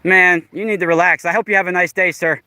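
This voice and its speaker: A man's voice: high voice, steady tone, fast talker, bright, forceful tone, smooth, no echo. A man in his forties recording a vlog outdoors in a park, talking in a sarcastic, confrontational way and repeating himself. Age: 40s. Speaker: vlogger. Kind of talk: casual vlog, arguing with a stranger. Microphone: camera mic while filming.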